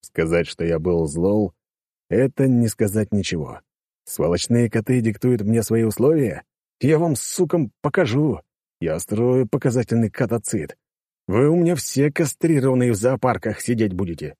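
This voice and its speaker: A man's voice: fairly low pitch, expressive, moderate pace, dark tone, no echo, studio quality. A man reading a first-person audiobook in a casual, crude, wisecracking manner. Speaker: audiobook narrator.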